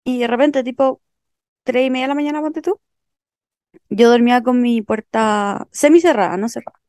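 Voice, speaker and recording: Chilean girl telling a sleep story, really high voice, no room sound. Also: moderate pace, dry recording, clean studio sound. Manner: animated, acts out scenes with slang. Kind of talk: casual storytelling.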